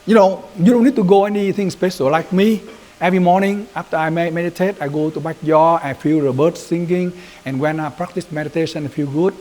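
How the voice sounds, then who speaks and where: Brisk and steady, with a slightly high, darkish voice, this Vietnamese-accented man leads an informal Buddhist youth training talk. He keeps it loose and conversational, drops in Vietnamese phrases, and checks in with "right?" frequently.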